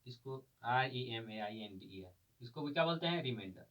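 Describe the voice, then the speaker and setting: A man's voice: mid-range voice, lively intonation, normal speed, fairly bright tone. A man teaching a math class, quizzing students with repeated questions and spelling out terms letter by letter. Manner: drills terms with call-and-response questions. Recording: distant dull lo-fi recording.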